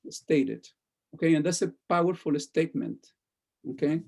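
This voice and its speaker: A male teacher talks through his critique of a student speech on a video call. His voice is fairly high for a man but has a dark, mellow tone. He halts often, restarts his sentences, and keeps checking in with "okay?". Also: normal speed, gravelly, husky. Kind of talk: classroom feedback.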